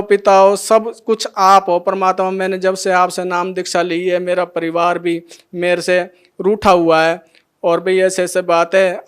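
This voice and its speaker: High-voiced man telling his testimony. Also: smooth. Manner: retells scenes by acting out every line of dialogue. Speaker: devotee sharing a testimony. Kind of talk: emotional spoken testimony.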